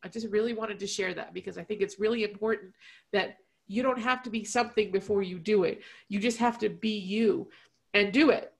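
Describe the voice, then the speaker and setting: A woman's voice: mid-range voice, gravelly. A woman on a video call sharing a heartfelt personal story in an earnest, emotional way. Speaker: team leader sharing at a healing session.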